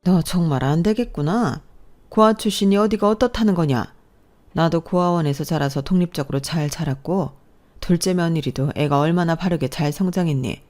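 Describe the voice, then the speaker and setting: A woman's voice: on the low side, moderate pace, darkish tone, close to an everyday voice. A woman playing a stern old mother-in-law. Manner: stern, scolding. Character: stern older woman, mother-in-law, orphan-raised and firm.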